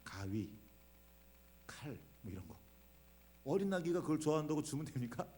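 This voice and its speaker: A man's voice: on the high side, sing-song, moderate pace, a little mellow. A man preaching a Sunday sermon in a church. He often puts questions to the congregation and explains with homely everyday examples. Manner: asks the congregation frequent questions. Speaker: pastor. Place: church sanctuary.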